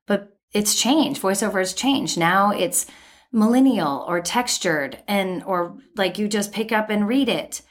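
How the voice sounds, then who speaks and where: A middle-aged woman and voice actor chatting casually, with a sweet, smooth voice and crisp enunciation. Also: mid-range voice, animated, unhurried. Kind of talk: casual chat.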